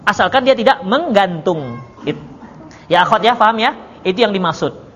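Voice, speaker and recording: A high-pitched man gives a lively religious lecture, cracking jokes at his listeners and voicing short quoted exchanges. The lo-fi recording is muffled and carries a long hall reverb with a faint hiss. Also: moderate pace. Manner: joking, teasing the audience; acts out quoted dialogue. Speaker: ustadz teaching a study circle. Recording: dull lo-fi audio with long reverb and faint noise.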